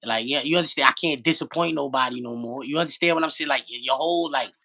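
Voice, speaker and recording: A middle-aged man with a mid-range voice tells stories quickly in casual, profane street slang. He's animated and emphatic, repeating himself for effect.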